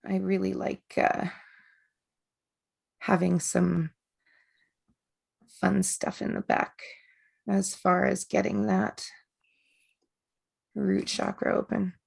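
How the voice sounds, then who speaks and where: Woman leading an energy work class on a video call, gravelly voice, chatty and rambling, lots of ums. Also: medium pitch, level tone, slow, pauses often. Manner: warm, chatty, rambling with many fillers and laughs. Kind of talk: casual online class talk.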